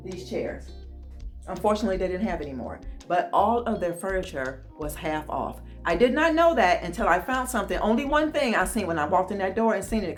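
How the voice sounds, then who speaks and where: A woman vlogging from her home office, chatty and excited, calling her viewers "y'all". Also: mid-range voice. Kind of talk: casual chat.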